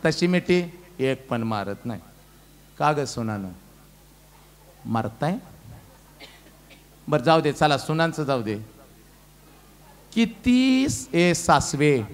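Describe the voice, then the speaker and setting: High-ish voiced village-guy, motivational talk to a ladies' meet, teasing and bossy, loud then suddenly hushed. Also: expressive, unhurried, long pauses. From western Maharashtra. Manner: teasing, humorous, bossy with the audience; swings between loud calls and hushed earnest pleas. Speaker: motivational speaker. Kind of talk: lecture to a women's gathering.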